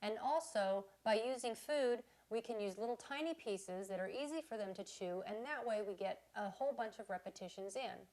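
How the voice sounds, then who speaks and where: A woman dog trainer explaining why food is used in training, in a clear, instructive way. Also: medium pitch, normal speed, few pauses, darkish tone. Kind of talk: instructional demonstration.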